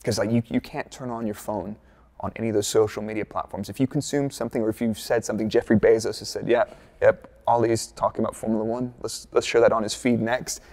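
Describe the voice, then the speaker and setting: A gravelly, laid-back American man from Dallas, an F1 content creator and former performance engineer, gives casual interview answers. His voice is on the low side and darkish, with fairly even intonation and a fast pace. He's chatty, full of fillers and jokey asides.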